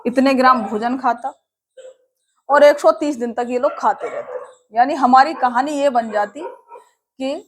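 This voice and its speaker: High-voiced woman teaching maths step by step. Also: slight background noise. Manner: explains step by step, checks with students, asks and answers her own questions. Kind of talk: classroom maths lesson.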